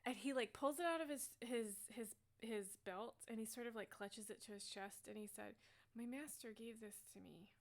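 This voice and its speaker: Young woman, game master, chatty, animated, filler-heavy, slightly high voice. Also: moderate pace, hardly any pauses. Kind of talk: narrating a tabletop game.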